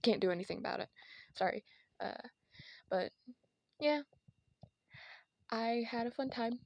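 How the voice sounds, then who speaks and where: A woman's voice: fairly high pitch, lively intonation, measured pace, vocal fry, dry recording. A woman with a lisp and whistling s, narrating an informal, partly scripted video essay into a headphone mic. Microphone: headset microphone from headphones.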